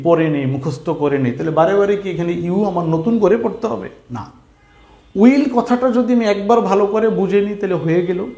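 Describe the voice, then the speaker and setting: A man with a Bengali accent teaching a spoken English lesson, slowly drilling phrases and asking his class rhetorical questions. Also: sits high, a little mellow. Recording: echoey room.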